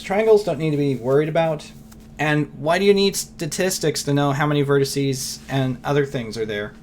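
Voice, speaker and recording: A hoarse man teaches software in a casual screen-recorded tutorial, rambling loosely and thinking aloud with fillers. He's losing his voice and keeps clearing his throat; his pitch sits on the high side, and there's a little hiss or hum on the recording.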